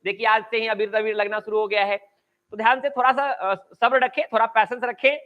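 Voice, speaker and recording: A male English grammar teacher with a Bihari Hindi accent, giving an online class lecture, drawing out and repeating key phrases slowly and chatting with students between points. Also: sits high, fairly even intonation, dull audio. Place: coaching class at home.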